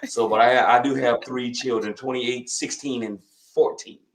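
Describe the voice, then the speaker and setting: A man's voice: mid-range voice, steady tone, moderate pace, roomy sound, poor audio. A man in his fifties from Louisiana with a Southern accent, a physician talking as a guest in a casual interview, folksy and rambling, often repeating himself. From Louisiana, USA. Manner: folksy, rambling, with frequent repetitions.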